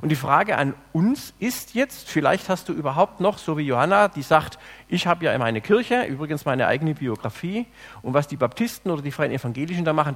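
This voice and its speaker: A man preaching a sermon, swinging between loud emphatic lines and soft, low, hushed phrases. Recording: long hall reverb.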